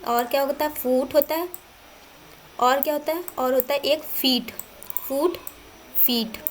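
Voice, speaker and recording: A woman's voice: high-pitched, fairly even intonation, unhurried, slight background noise. A woman teaching an exam-prep lecture, asking questions and answering them herself, spelling words out letter by letter.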